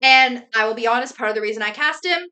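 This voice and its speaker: Bright, higher-voiced woman chatting casually. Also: fast talker. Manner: chatty, rambling with fillers. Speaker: podcast co-host. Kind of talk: casual movie recasting chat.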